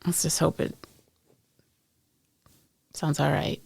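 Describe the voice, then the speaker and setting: A woman's voice: slow pace, no echo. A woman co-hosting a podcast, chatting casually in an agreeable, supportive way. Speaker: podcast co-host. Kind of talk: casual chat.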